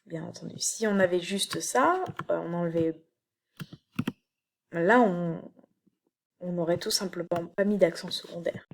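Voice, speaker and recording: A woman teacher who explains slowly in a recorded video lecture, with many fillers and restarts. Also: lowish voice, vocal fry. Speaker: university teacher. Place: home, late evening.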